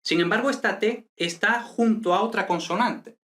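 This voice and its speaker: A man's voice: sits high, normal speed, pushed and bright. A man from teaching a casual lesson, talking in a chatty way and checking in with the listener often. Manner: chatty, frequent "¿vale?" and "eh" fillers.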